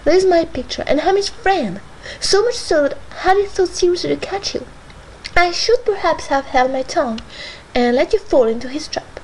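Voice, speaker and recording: A woman's voice: sits high, lively intonation, moderate pace, a little hiss or hum, low-quality recording. A woman reading aloud, voicing a proud, impatient young mistress who scolds emphatically. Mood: scolding.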